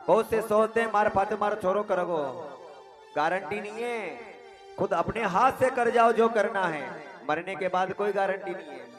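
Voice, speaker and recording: A male preacher narrates a devotional story with lively, direct address to the crowd. His voice is high for a man, and music plays clearly behind him. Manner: animated, addresses the audience directly. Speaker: Ram Katha preacher. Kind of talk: musical religious storytelling sermon.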